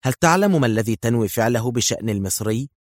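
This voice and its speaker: A man voicing a pretty young woman spy in an audiobook, speaking calmly and matter-of-factly in a lifted voice. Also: mid-range voice, quick pace, no room sound, studio quality, close to an everyday voice. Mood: cool, calm. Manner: calm, matter-of-fact.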